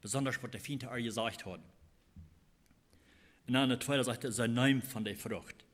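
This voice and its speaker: Male preacher, mid-pitched, halting sermon delivery with repeated phrases. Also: fairly bright tone. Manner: halting, repeats phrases while explaining scripture.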